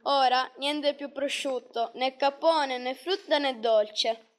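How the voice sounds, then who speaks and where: A poor, kind-hearted shoemaker from a Christmas storybook, voiced by a woman reader. The voice sits high and light, and the manner is cheerful and gentle throughout. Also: steady tone, slow. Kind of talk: storybook reading.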